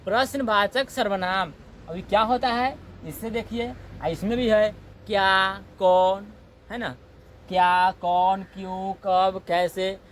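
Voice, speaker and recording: A man's voice: sits high, steady tone, slow, a bit bright, a little hiss or hum. A man teaching grammar in a classroom, repeating points and often checking in with "है ना". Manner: repetitive, checks in with "है ना"; acts out comic example dialogue. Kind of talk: classroom lecture.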